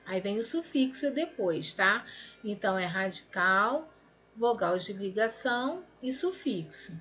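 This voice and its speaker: Unhurried and animated, a woman with a medium-pitched, slightly bright voice and a Brazilian Portuguese accent teaches grammar in a recorded lesson going over exercises. She explains step by step, pulls words apart syllable by syllable, and often checks in with her students.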